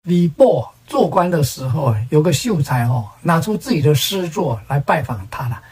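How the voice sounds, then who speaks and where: A woman with a low, husky voice tells jokes one after another, letting her pitch rise and fall in a lively sing-song. She drags out the little particles that end her phrases, giving each punchline a playful lilt. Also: normal speed, poor audio. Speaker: joke teller, show host. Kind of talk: storytelling jokes.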